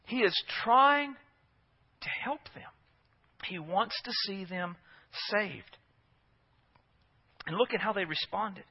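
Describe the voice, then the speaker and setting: A man's voice: high voice, slow, gravelly, pauses often, husky, dull audio. A man preaching a sermon as pastor, earnest and emphatic, often asking his listeners rhetorical questions.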